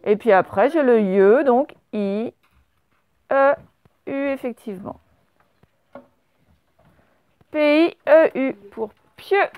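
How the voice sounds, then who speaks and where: A woman teacher leads a dictation lesson, her voice high and clear, with a close, dry sound. She spells each word out letter by letter, asks her pupils for the answers and confirms them. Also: slow pace, no echo, narrow, tinny audio. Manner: patient, spells out words letter by letter. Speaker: primary school teacher.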